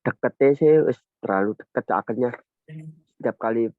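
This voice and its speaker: A man, sharing about parenting in a casual, halting way on a video call. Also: mid-range voice, no room sound. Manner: halting, many restarts and fillers. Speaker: parent sharing in a church group. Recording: tinny video call audio.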